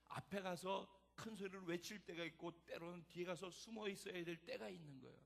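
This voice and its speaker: A man preaching a sermon as pastor, dramatic and animated, acting out the voices in the story. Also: sits high, a little fast, vocal fry.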